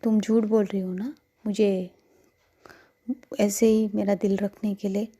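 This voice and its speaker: Woman voicing a shy, insecure young woman, halting and soft, slow, mellow tone. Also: mid-range voice, level tone, lightly acted. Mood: tearful.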